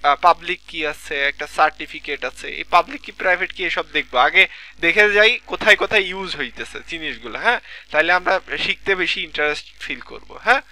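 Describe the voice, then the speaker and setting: Through a computer microphone, a male lecturer with a Bangladeshi Bengali accent runs a live online class, walking through material step by step and often checking on students. His voice is slightly high, pushed, and bright.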